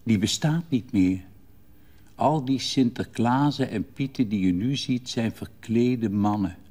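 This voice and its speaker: An older man voicing a calm, gloomy mother who speaks quietly and soothingly. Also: mid-range voice, measured pace, natural voice.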